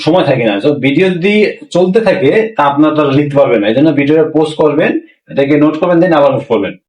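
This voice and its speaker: A man teaching a language lesson, repeating phrases slowly and asking the class rhetorical questions. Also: a little high, darkish tone. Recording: roomy, mic far from speaker.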